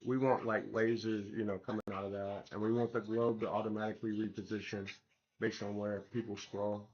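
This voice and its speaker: Low-voiced man with swollen-tonsils sore throat. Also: flat delivery, brisk, darkish tone, dull audio. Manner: slangy, informal, addressing viewers directly. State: recovering from tonsillitis, sore throat, voice not fully back. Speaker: livestream host building an app. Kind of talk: casual livestream chat while working.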